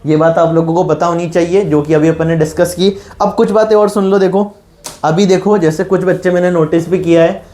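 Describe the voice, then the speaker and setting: A man teaching a chemistry lesson in a colloquial, encouraging way, repeating key terms and asking his students quick rhetorical questions. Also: high voice, darkish tone. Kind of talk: classroom-style lecture.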